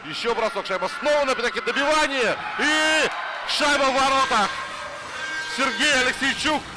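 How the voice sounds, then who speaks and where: A man commentating live on hockey, raising his voice in an excited goal call. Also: very high-pitched, normal speed, heavy background noise.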